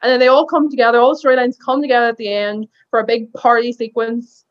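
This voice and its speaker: Casting: female guest reviewer, high voice, casual chat, dull audio. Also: level tone, fast.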